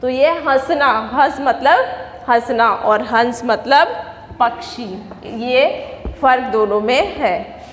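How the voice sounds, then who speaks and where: A woman teacher giving a grammar lesson to children, explaining step by step and answering her own questions. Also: high-pitched. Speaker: school teacher. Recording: echoey room with long reverb.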